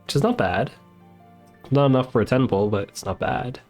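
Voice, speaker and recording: While playing a video game on stream, a man chats easily with his viewers and himself in casual live commentary. His mid-range voice has a darkish tone and a moderate pace, with faint music in the background.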